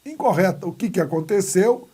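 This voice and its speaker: A Brazilian man with a high, mellow, husky voice gives a lively grammar lesson at normal speed, his intonation full of energy. He poses questions and answers them himself, acts out little skits, and drops playful asides, all in a Brazilian Portuguese accent. It comes from a recorded video lesson.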